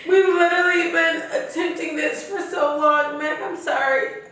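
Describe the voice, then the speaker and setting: A woman's voice: very high-pitched, fairly even intonation, normal speed, bright, forceful tone. A young woman from Kenya hosting a casual podcast chat, emotional and tearful at times. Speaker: podcast host. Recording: echoey room, far from mic.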